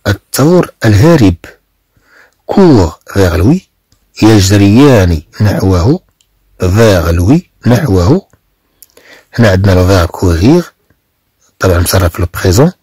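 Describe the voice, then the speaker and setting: A man teaching a French reading text, repeating and translating phrases slowly. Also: sits low, a little mellow, breathy edge, no room sound.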